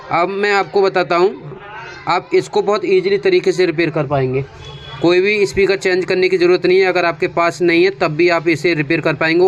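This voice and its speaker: His voice sits high as this Indian-accented technician narrates a repair tutorial, going step by step in a conversational way. He often repeats his instructions, and the recording has clearly noisy background sound.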